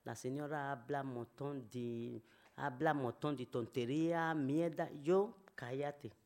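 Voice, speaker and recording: Non-native woman, personal testimony; slow, halting, pleading delivery with frequent fillers. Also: extremely low pitch, darkish tone. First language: not Spanish. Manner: halting, learner's Spanish with many fillers; emotional, pleading.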